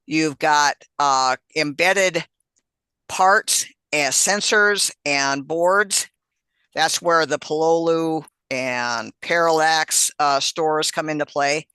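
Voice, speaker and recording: A man's voice: on the high side, pushed and bright, clean tone, no echo. A man leading a hobby meetup on an online call, explaining casually with many fillers and restarts. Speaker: meetup organizer and instructor.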